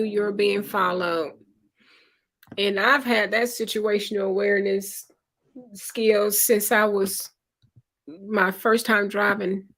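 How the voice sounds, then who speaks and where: A woman's voice: medium pitch, a bit bright. A woman hosting a live stream in a casual, conversational way, greeting viewers by name and reading their chat comments aloud. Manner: unhurried, conversational. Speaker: livestream host.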